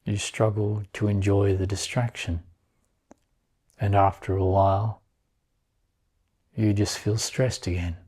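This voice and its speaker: This guided meditation is led by a man whose low, mellow voice carries a breathy edge. He keeps his phrases short and his delivery very slow and calm, letting long silences fall between them.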